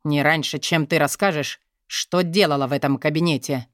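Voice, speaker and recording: A woman voicing a domineering, mocking male boss in an audiobook, speaking low and menacing. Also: steady tone, moderate pace, no room sound, studio quality, lightly acted.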